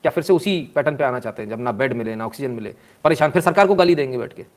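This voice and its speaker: A man's voice: mid-range voice, lively intonation, racing. A man, giving sarcastic live news commentary, mocking and scolding the people in the clips and answering viewer comments.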